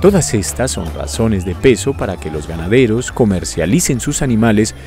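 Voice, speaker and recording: A man's voice: on the low side, animated, normal speed, a little mellow. A man reading scripted documentary narration. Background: music.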